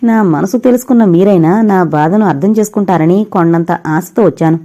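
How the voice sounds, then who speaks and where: A woman's voice: fairly low pitch, a little fast, mellow, close to an everyday voice. A woman reading a tearful pleading young wife. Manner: tearful, imploring. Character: grieving young married woman pleading with lost love.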